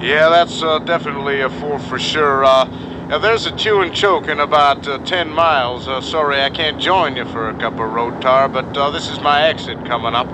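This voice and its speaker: Brief: a trucker over CB radio, slang-heavy, slightly high voice, loud engine noise behind. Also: male voice, moderate pace. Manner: heavy CB trucker slang, ends turns with "come on". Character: cryptic male trucker on the CB. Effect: heard over a CB radio.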